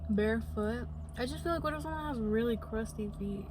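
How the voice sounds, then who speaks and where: A woman's voice: on the high side, fairly quick, background noise. A young woman co-hosting a podcast, chatting casually and rambling with lots of fillers. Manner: rambling, filler-heavy storytelling. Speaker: podcast co-host. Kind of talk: casual chat.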